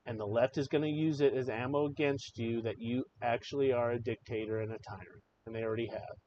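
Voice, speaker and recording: A man's voice: mid-range voice, fairly even intonation, quick pace, a little mellow. Impassioned, cursing male livestream host. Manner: impassioned, emotional, swears freely. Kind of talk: opinionated live political commentary. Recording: slightly dull audio with faint noise.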